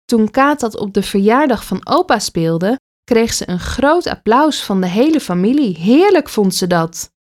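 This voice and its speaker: A woman reading a children's story aloud with an expressive delivery. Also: on the high side, a little slow.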